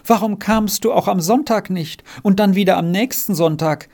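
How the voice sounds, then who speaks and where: A man's voice: medium pitch, expressive, measured pace, a little mellow. A man reading aloud voices an anxious, tender-hearted little girl who pleads and wails in a storybook. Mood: pleading. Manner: pleading, wailing.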